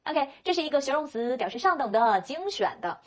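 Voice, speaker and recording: High-voiced and very animated, a woman explains English words and how to say them. She stretches each pronunciation out slowly, poses rhetorical questions to the learner, and then answers them herself.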